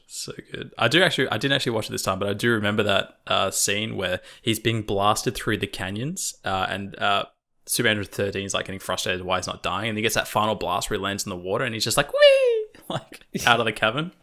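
Podcast guy with a gravelly bright voice, pretty low, excited and casual, swears a bit. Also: fairly quick. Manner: enthusiastic, loose, swears casually. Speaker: podcast co-host.

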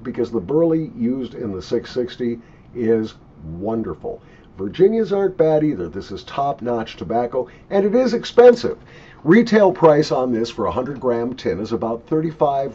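An older man talks through a casual review with lots of swing in his pitch. His voice is husky and emphatic, and he sounds opinionated. The recording is a dull webcam capture from a home office desk. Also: very animated, moderate pace, darkish tone. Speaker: pipe tobacco reviewer. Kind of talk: casual unscripted product review. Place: small cluttered home office, indoors.

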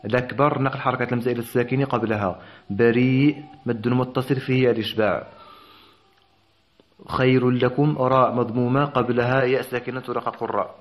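A male teacher gives a tajweed lesson at a mid-range pitch. He moves through the rules quickly and matter-of-factly, with brief hesitations and the odd clearing of his throat. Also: fairly even intonation. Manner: brisk explanation of recitation rules with filler pauses. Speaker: Quran recitation teacher.

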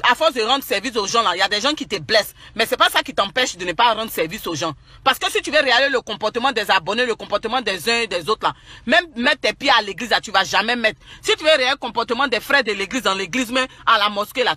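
Ivorian-accented man, very high pitch, scolding preachy online rant, dry close mic. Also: sharp tone, no room sound. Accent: Ivorian French. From Côte d'Ivoire. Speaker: social media commentator. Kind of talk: angry rant to online followers.

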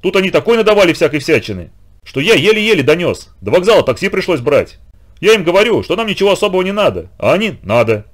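Reader doing a kindly, chatty grown-up man for a storybook, lively and reassuring. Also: high-pitched, fast talker, voice pushed up. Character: kind grown-up man, calm leader of children.

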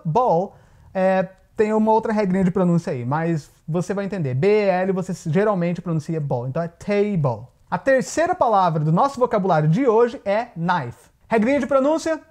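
A man's voice: high-pitched, a little mellow. A man, a native Portuguese speaker, teaches English vowel rules in a casual video lesson, explaining step by step and answering his own questions.

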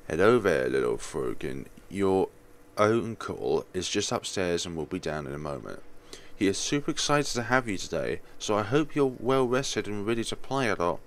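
A man voicing a prim, dry male aide from a visual novel in a formal, measured way. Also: low voice, big pitch swings. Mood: falsely cheerful.

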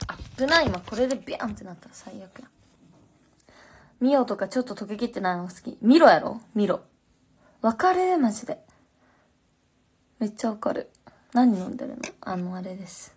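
A woman's voice: mid-range voice, animated, moderate pace, long pauses, slightly rough. A young woman with a Fukuoka accent chatting casually on a phone livestream, slangy and answering viewer comments. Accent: Fukuoka Japanese.

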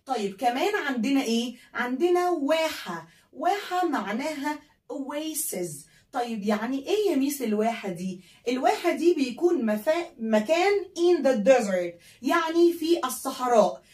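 A high-pitched woman with an Egyptian Arabic accent leads a children's vocabulary lesson, spelling each word and repeating it so pupils can echo her. Her voice sits a little off the mic, and the room around her is echoey. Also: animated, normal speed, a little mellow, far from the mic. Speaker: English teacher.

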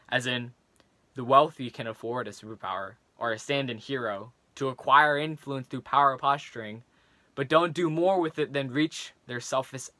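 A man's voice: fairly high pitch, pushed and bright, dry recording. A young man speaking to camera in a small bedroom, introducing and signing off his own performed piece. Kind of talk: spoken introduction and sign-off to a performance.

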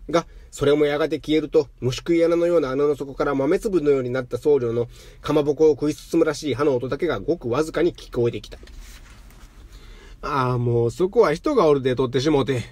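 A man reading literary fiction aloud in a calm, measured way. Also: on the high side, no echo. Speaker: narrator.

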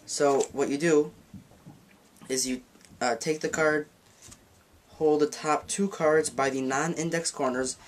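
Slow and pausing often, a man with a fairly high pitch and fairly even intonation teaches a card trick in a loose tutorial. The magic teacher rambles, corrects himself, and works the cards at a table in a dim room, with slight hiss or hum audible.

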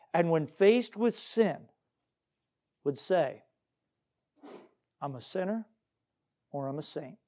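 In a fairly high, mellow voice, a male pastor gives a Baptist church sermon that includes scripture reading. Earnest and exhorting, he alternates between the biblical text and questions aimed straight at the congregation.

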